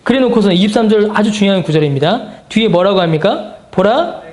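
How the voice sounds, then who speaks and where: A man with a fairly high voice teaches a Bible class as pastor. He poses questions to his listeners and answers them, repeating words for weight. The room around him is echoey. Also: animated, fast, darkish tone. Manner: repeats key phrases for emphasis. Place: church meeting room.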